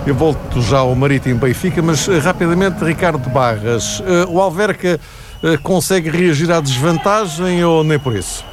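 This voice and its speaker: A man's voice: fairly high pitch, normal speed. A man with a European Portuguese accent anchoring a live radio football show. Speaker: radio sports presenter. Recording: noisy live broadcast.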